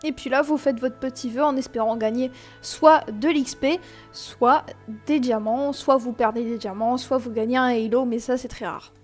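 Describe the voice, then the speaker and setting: A woman's voice: a little high, fairly even intonation, moderate pace, a little mellow, soft background music. Chatty young woman explaining a game. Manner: chatty and explanatory, many fillers, self-mocking asides. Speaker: gaming tutorial host. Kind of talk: casual screen-recorded game tutorial.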